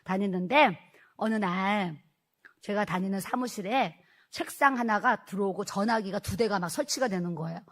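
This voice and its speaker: A middle-aged woman pastor giving a personal testimony sermon, telling her story in a lively way and acting out the dialogue. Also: mid-range voice, normal speed.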